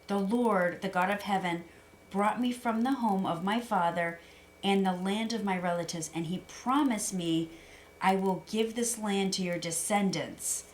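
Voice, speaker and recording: Calm woman reading scripture aloud. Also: medium pitch, a little slow. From United States. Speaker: guest reader. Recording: faint background noise.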